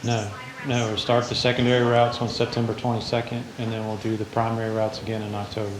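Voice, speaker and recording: A man giving a calm, matter-of-fact road report as a highway engineer at a public meeting. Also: fast. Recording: echoey noisy meeting room.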